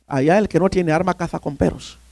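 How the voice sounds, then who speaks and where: A man preaching in a high, gravelly voice as he tells an adventurous personal story. He keeps calling out to his listeners as "brother". The sound is dry and close. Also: brisk, dry recording. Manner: animated storyteller, often addressing "hermano". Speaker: pastor. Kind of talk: sermon storytelling.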